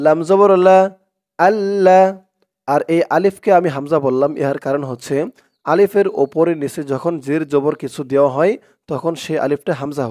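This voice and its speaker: A man teaching Quran reading, spelling out Arabic words letter by letter and chanting them slowly for viewers to repeat. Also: fairly high pitch, mellow. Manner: slow, patient drilling with drawn-out chanted recitation; addresses viewers directly as "dorshok".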